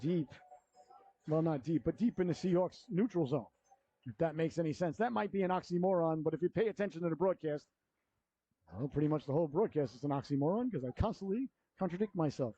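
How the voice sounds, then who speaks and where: High-pitched male hockey announcer, echoey sound. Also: fairly quick, slightly rough, muffled recording. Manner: folksy, excitable on plays, colourful slang. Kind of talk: live hockey announcer commentary.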